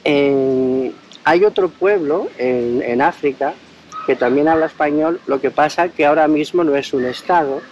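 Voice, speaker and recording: A man's voice: fairly high pitch, unhurried, darkish tone. A man from Spain conducting a street interview outdoors, asking leading questions and explaining his points at length. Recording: dull audio with faint street noise.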